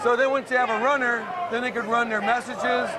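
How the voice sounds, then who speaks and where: A man's voice: very high voice, fairly even intonation, fairly quick. An American man working as a prison officer, explaining the job off the cuff in short, plain phrases. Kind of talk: unscripted on-the-job explanation to camera. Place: inside a large prison cell block. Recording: noisy prison block, loud music and crowd. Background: crowd din and music.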